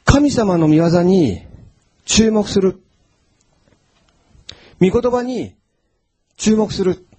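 A man preaching a sermon as a pastor, telling Bible stories in an animated way and acting out the quotes. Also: high-pitched, extremely slow, pauses often, breathy edge.

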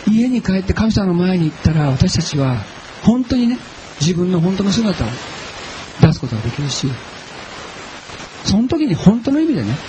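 A male pastor delivering a sermon in a conversational, storytelling way, often turning to the audience with questions. His voice sits a little high for a man and swings widely and expressively in pitch. There is a faint ambient hum behind him. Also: moderate pace, pauses often, rough recording. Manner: chatty and animated, asks the audience questions. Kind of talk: sermon with personal stories.

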